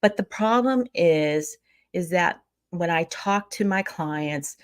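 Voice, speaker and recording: A thought leadership coach from Pennsylvania, USA, speaks in a low, expressive voice at a slow pace, sounding upbeat as an interview guest and often repeating words. The conversational interview is captured dry and at studio quality.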